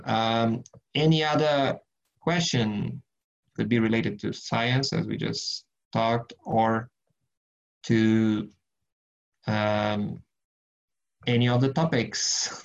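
A Brazilian man leads an online Bible study group, teaching casually and earnestly in a rambling way full of restarts and fillers before moving into prayer. His voice is on the low side and gravelly, with lo-fi sound.

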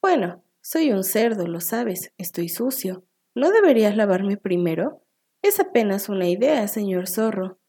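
A woman's voice: medium pitch, very animated, unhurried, dark tone, slightly rough, heavily acted. A woman voicing a small, clever male piglet who sighs, squeals and politely coaxes in a storybook reading. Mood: sighing, coaxing. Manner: sighing, squealing, sweetly persuasive.

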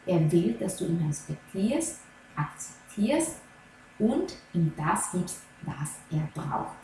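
A woman coaching on Ayurveda, talking gently and earnestly straight to the listener. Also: on the low side, big pitch swings, takes it slowly, slight background noise. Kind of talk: slow advice talk to viewer. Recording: very echoey room, faint ambience.

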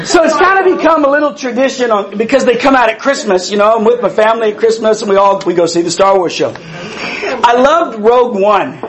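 A man in his fifties preaches an animated, conversational sermon to a congregation in a very high voice, speaking a little fast on poor-quality audio. His breathing is wheezy from a past tracheotomy, and he stresses his points by repeating key phrases and putting questions to his listeners.

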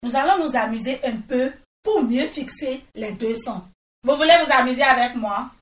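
Female primary teacher, high bright voice, patient and measured, repeats answers; recorded off-mic in a classroom. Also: distant mic. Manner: patient, repeats each answer back and praises. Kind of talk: slow, deliberate classroom instruction. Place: classroom with pupils. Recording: echoey room, voice off-mic.

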